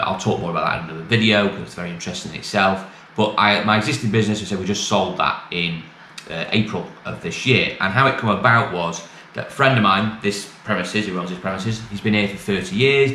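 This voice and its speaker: A middle-aged British vlogger who deals in used cars chats to camera with a casual, rambling, matter-of-fact update full of colloquial language. His voice is on the low side, bright and forceful. The small bare office sounds echoey, and background noise is clearly audible.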